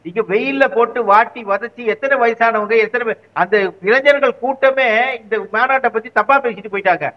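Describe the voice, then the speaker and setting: High-voiced argumentative male guest. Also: fairly quick, dull audio. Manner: argumentative, repeats rhetorical questions. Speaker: political commentator guest. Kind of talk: heated political interview.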